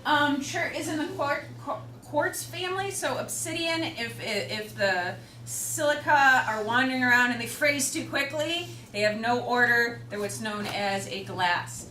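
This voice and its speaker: A woman with a Chicago accent delivers a classroom lecture in a chatty, joking way, full of fillers. Her voice is a little high, expressive, pushed and bright, and she talks a little slowly with hardly any pauses. It's recorded from far off in a roomy, noisy classroom.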